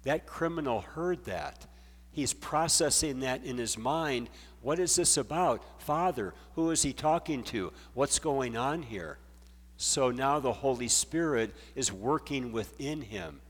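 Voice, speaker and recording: A man preaching a sermon as pastor, reading scripture and explaining it in a measured way. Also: medium pitch, lively intonation, in a large hall.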